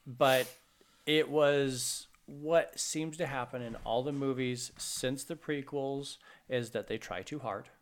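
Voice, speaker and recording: A man with a mid-range voice explains his opinion earnestly. He softens it with apologies as he goes. It is relaxed podcast chat. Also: mid-range voice, slow pace. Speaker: podcast co-host. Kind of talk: casual chat.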